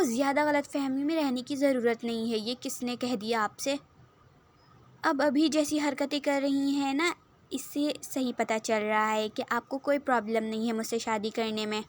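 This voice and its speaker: A woman's voice: high voice, steady tone, close to an everyday voice. A woman voicing a bossy young man who pushes and mocks. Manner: pushy, mocking.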